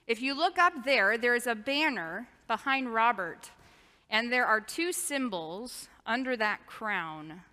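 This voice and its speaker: A woman's voice: fairly high pitch, lively intonation, takes it slowly, sharp tone. A woman pastor giving a sermon in plain, explanatory language in a large church. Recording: reverberant church hall.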